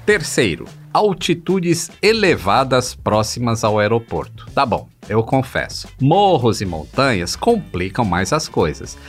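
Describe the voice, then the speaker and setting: Lively Brazilian man narrating a podcast. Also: medium pitch, measured pace, few pauses. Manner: playful, addresses listeners as passengers. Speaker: podcast host. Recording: background music. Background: music.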